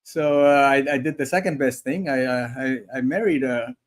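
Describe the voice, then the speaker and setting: Male co-host, forties, mid-pitched, chatty and self-mocking, casual stream talk. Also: moderate pace. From Taiwan. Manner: chatty, self-deprecating, many restarts and laughs. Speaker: podcast co-host. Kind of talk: casual livestream chat.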